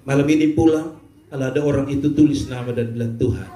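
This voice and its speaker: A man preaching a sermon as a pastor, telling stories with humor and bursts of shouting. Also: medium pitch, fast, roomy sound. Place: church.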